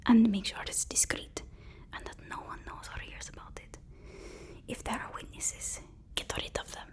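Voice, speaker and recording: Whispering throughout, a female ASMR artist plays the fussy, eager-to-please personal assistant of a supervillain. Her delivery is halting, with phrases said more than once.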